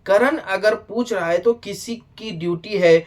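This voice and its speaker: A man with a notably high-pitched voice talks through a casual video review. He is lively and direct, often speaking straight to the show's producers. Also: measured pace. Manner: animated, addresses the show directly, frequent "bhai sahab". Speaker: reality show reviewer.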